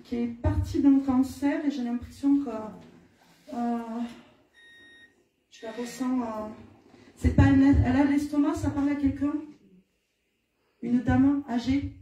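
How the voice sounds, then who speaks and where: A woman's voice: sits high, fairly even intonation, a little slow, pauses often, warm tone. A woman with a southern French accent, speaking as a medium to a live audience in a plain-spoken, informal way. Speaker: spirit medium. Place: indoor hall at a live-streamed event. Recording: echoey room, distant mic.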